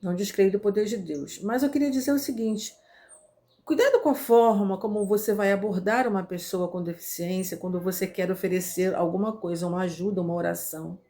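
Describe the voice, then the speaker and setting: An earnest woman from Brazil talks directly to her listeners in a casual, unscripted way. She stresses her points and often pauses with fillers and restarts. Her voice sits at a middle pitch. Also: warm tone. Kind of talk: casual spoken commentary.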